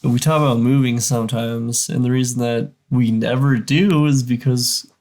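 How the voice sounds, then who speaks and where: A man's voice: medium pitch, fairly even intonation, moderate pace, a little mellow. A man co-hosting a reaction video, chatting casually and rambling with lots of "like"s and restarts. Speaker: reaction channel co-host.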